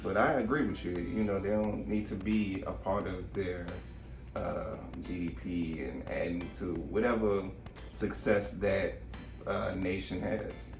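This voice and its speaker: A man's voice: sits low, fairly even intonation, a little slow. A man co-hosting a casual podcast chat who jokes and laughs often. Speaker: podcast co-host. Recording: roomy, distant mic, faint music.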